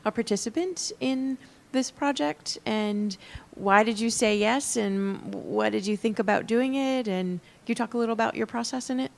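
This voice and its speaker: A woman's voice: a little high, normal speed, gravelly, few pauses. A woman moderating a panel discussion, asking long, thoughtful questions with fillers.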